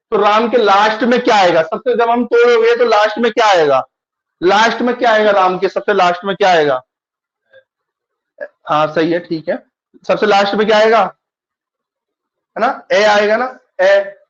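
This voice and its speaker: A man's voice: high-pitched, dull audio. A male teacher taking an online class, patiently explaining and repeating questions to his students.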